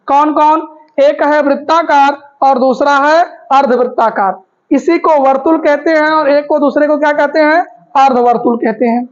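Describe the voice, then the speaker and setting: High-voiced woman teacher drilling terms. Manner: asks the class questions and answers them herself; repeats key terms for drilling. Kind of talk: Hindi grammar lesson. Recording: dull lo-fi recording.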